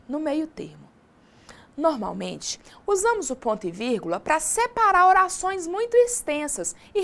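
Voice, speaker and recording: A woman teacher giving a recorded lesson, chatty and lively, often asking the class questions. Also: high-pitched.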